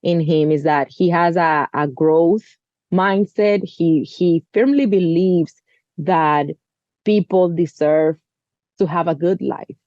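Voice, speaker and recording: A woman in her thirties, originally from the Dominican Republic, talks sincerely as a guest on an interview. Her voice is mellow and a little low. The recording is dry and somewhat dull. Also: slow pace, dry recording. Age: 30s. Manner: earnest, earnest, with frequent "you know" fillers. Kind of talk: conversational interview.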